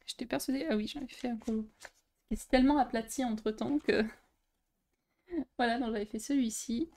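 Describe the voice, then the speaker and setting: A young woman talks a little fast in a fairly high, darkish voice while showing her coloring books on her YouTube channel. The casual show-and-tell chat is peppered with fillers and restarts.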